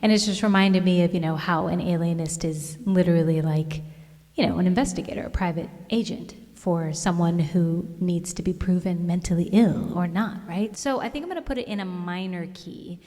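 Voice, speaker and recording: A woman's voice: lowish voice, moderate pace, dark tone. A young woman hosting her own comedic music vlog, chatty and self-amused, recorded at home. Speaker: vlogger and songwriter.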